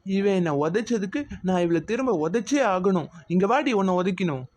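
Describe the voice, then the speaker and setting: A woman acting as a quarrelsome child, hurling angry threats at a classmate in a church kids' skit. The voice sits at an ordinary middle pitch. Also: lively intonation, brisk, a little mellow, natural voice.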